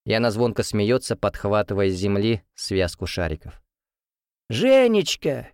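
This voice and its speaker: A man's voice: lowish voice, fairly even intonation, normal speed, a little mellow, clear, resonant tone, no room sound, clean studio sound. A young man reading a first-person story as audiobook narration.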